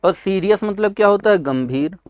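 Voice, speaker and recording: A man with a North Indian accent teaching an exam-prep English lesson. He mixes English terms into his explanation, answers his own questions and often clears his throat. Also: high voice, animated, normal speed, dry recording, clean studio sound.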